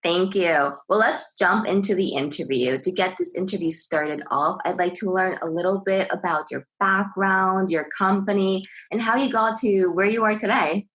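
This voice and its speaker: A woman hosting a podcast interview, polite and upbeat, with clearly phrased, partly scripted questions. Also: medium pitch, normal speed, hardly any pauses, fairly bright tone, poor audio. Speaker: podcast host.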